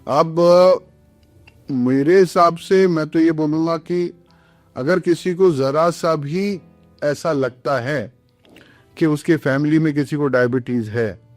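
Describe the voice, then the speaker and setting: A man's voice: a little high, slow, no room sound, soft background music. A man who is a doctor, explaining kidney health earnestly on a podcast, switching between Hindi and English phrases.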